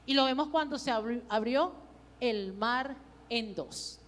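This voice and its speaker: Brief: middle-aged Venezuelan woman pastor, high voice, lively storytelling sermon, long church reverb. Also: unhurried. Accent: Venezuelan Spanish. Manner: animated storytelling, acting out quoted dialogue. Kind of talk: sermon with personal testimony. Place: church hall.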